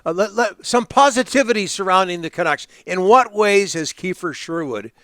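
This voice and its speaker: A man's voice: sits high, animated, normal speed, bright, forceful tone, no room sound, studio quality. A man from western Canada co-hosting a sports radio show, chatty and friendly. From Vancouver area, Canada. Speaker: radio co-host. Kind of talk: casual sports talk.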